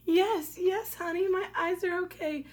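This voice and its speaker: A woman doing a frantic high-pitched young wife. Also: steady tone, measured pace. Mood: relieved, urgent. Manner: high, urgent, loud pleading. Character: frightened, pleading young wife.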